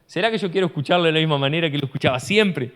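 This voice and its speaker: A man, a pastor preaching an animated sermon full of rhetorical questions, recorded in a church hall. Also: fairly high pitch, rapid-fire. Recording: long church-hall reverb.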